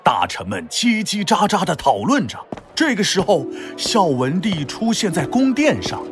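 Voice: medium pitch, big pitch swings, normal speed, over music. A playful, exaggerated storyteller host narrating a scripted history tale for children.

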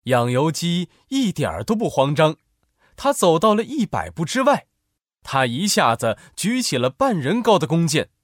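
A man narrating a children's story in an expressive, animated way. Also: fairly high pitch, normal speed, dry recording, clean studio sound.

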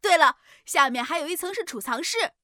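A woman's voice: extremely high pitch, animated, fairly quick, pushed and bright, dry recording, studio quality, heavily acted. A woman voicing a kind, modest young beaver in a children's audio story, speaking in a friendly, patient way. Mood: proud.

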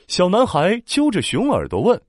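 A man tells a children's story, his pitch leaping widely through every phrase. The sound is close and dry, with no room around it. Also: normal speed, no echo. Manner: animated, expressive.

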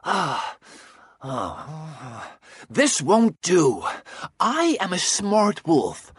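Storybook big bad wolf, woman voicing, scheming and smug, slow husky delivery, dry close sound. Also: deep voice, huge pitch swings, no echo, exaggerated voice. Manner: gloating, cackling, exaggerated. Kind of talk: storybook audio acting.

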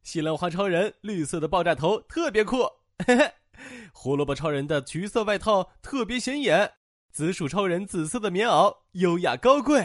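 A man's voice: sits high, animated, moderate pace, dry recording, studio quality. A man voicing shy, wistful Mr. Flour. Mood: shy hopeful. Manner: soft, wistful, sighing. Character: gentle shy male flour character. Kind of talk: children's audio story acting.

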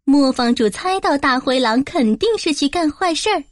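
A woman's voice: high voice, animated, moderate pace, dry recording, clean studio sound. Woman reading a children's story.

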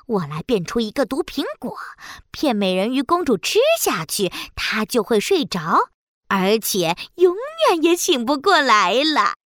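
A woman voicing a scheming old female sea witch in a children's audio story, with a sly, creaky old-lady manner. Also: medium pitch, sing-song, takes it slowly, no echo, studio quality, heavily acted. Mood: gloating.

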